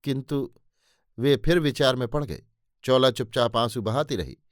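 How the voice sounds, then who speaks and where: A man's voice: mid-range voice, moderate pace, dry recording, studio quality. Man reading a novel aloud dramatically. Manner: voices the characters' dialogue with emotion. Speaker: audiobook narrator.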